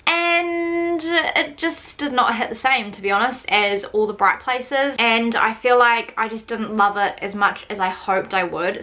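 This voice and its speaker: A woman's voice: mid-range voice, sharp tone. A young woman chatting casually about books she has read, filling her talk with "like". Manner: chatty, uses "like" a lot. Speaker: book vlogger. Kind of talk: casual book review chat.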